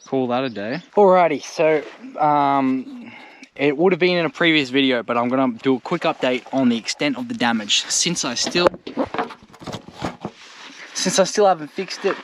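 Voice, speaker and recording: Out at a bush campsite, an Australian man with a somewhat bright, mid-range voice rambles to camera in a loose, slangy travel-vlog style. Birdsong and background noise come through on the noisy outdoor audio.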